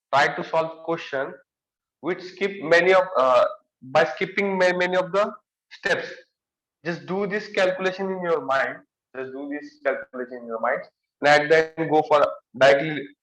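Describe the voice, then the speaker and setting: A man's voice: a little high, a bit bright, echoey room, low-quality recording. A young man with a Marathi accent giving an exam-prep lecture, repeating key phrases and stressing words. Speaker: engineering lecturer.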